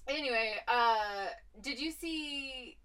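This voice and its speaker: A woman's voice: sits high, slow pace, sharp tone, clear, resonant tone, recorded from a distance, low-quality recording. A woman co-hosting a podcast in casual, rambling chat, often laughing. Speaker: podcast co-host.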